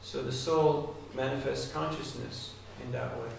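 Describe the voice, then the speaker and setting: Speaking to a live audience in an echoey hall, a spiritual speaker gives a devotional talk in a conversational way, putting direct questions to his listeners. His medium-pitched voice is steady and measured, with some vocal fry. The distant mic picks up faint noise.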